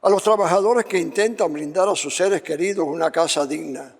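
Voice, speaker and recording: A man, a priest leading Mass prayers in a measured, solemn way, heard through a long cathedral-like reverb. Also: fairly high pitch. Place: large church. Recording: voice in a long, echoing church reverb.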